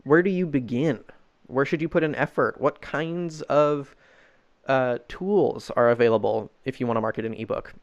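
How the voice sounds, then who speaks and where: A man's voice: mid-range voice, lo-fi sound. Easygoing male podcast host. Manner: easygoing, measured, with frequent ums. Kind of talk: casual podcast chat.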